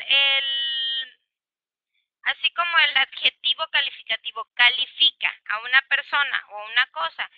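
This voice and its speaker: A woman with a Mexican Spanish accent and a voice on the high side teaches an English grammar class, recorded lo-fi with no echo. She explains patiently, gives many examples, and switches between Spanish and English.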